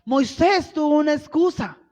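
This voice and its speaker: A woman missionary preaches a sermon in a church hall, her high-pitched, expressive voice moving at a moderate pace with a darkish tone. She asks rhetorical questions and acts out quoted lines with mounting force, and the recording is reverberant, dull and lo-fi.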